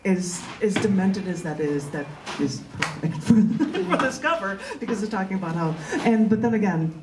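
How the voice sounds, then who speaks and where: At an open mic inside a large bookstore, a woman poet reads her work and chats casually. Her medium-pitched voice swings widely in pitch at a normal speed, picked up by a distant microphone in an echoey, noisy room.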